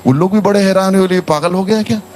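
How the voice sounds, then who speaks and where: A man's voice: sits high, quick pace, darkish tone. A man preaching a sermon to a congregation, telling a story and having the crowd repeat phrases after him. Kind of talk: sermon with storytelling and call-and-response.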